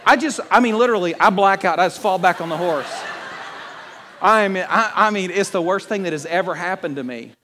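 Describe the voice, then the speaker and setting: A man preaching a sermon, mixing a funny personal story with scripture, animated and laughing at his own punchlines. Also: high-pitched, fairly quick, background noise. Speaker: pastor.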